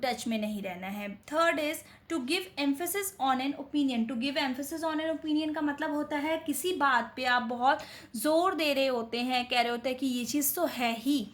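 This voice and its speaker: A woman with an Indian accent teaching a grammar lesson, who reads out English examples slowly and keeps checking that her students are following. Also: high-pitched. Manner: explains slowly, reading English examples carefully, then adding quick Hindi asides; keeps checking in with "theek hai?". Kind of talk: explanatory lesson.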